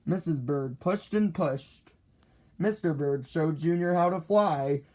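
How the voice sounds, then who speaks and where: A man reading a children's picture book aloud, deliberate and expressive. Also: on the high side. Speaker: storybook reader.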